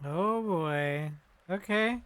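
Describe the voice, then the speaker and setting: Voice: medium pitch, very slow, fairly bright tone, soft background music. A game streamer giving casual, informal reaction commentary in short muttered asides over gameplay.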